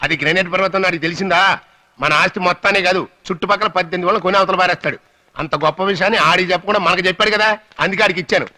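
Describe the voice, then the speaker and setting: A dubbing actor playing a scheming, fawning middle-aged uncle in a dubbed film, talking in a rapid, theatrical, wheedling way. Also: male voice, high-pitched, fairly even intonation, sharp tone, dry recording. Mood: scolding. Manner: rapid, wheedling and theatrical, scolding then pleading. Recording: dry studio dub.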